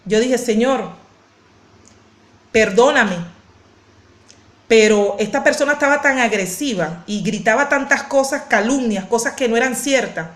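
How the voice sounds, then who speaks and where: A woman's voice: on the high side, moderate pace, hardly any pauses. A woman pastor preaching a sermon, fervent and given to repeating phrases and restarting words. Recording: echoey room.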